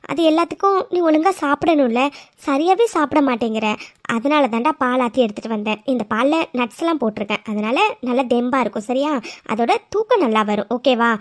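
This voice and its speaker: A doting cartoon grandmother, played by a woman with a high, bright-pitched voice, coaxing her family with gentle scolding. She keeps checking in with tag questions. The sound is close and dry, with no room around it. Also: dry recording. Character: affectionate elderly grandmother, doting and reassuring. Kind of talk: animated serial voice acting.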